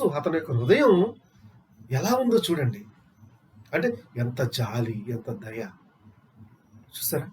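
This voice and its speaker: A male preacher delivers a sermon in a high voice with lively swings of pitch. He leans on rhetorical questions and repeats his phrases for emphasis. A faint hiss of background noise sits under the recording.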